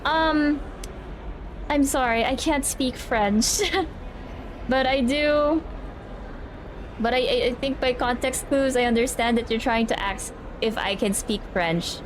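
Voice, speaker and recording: A young streamer from the Philippines, Tagalog being her first language, chats casually with viewers in a high-pitched voice, going slowly and pausing often. She rambles, restarting words and repeating "I, I," with a noisy background.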